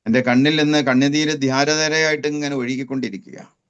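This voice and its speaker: A man's voice: a little high, steady tone, brisk, fairly bright tone, clean tone, muffled recording. A man from Kerala giving an impassioned religious testimony, his voice climbing into fervent prayer. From Kerala, India. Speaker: testimony speaker.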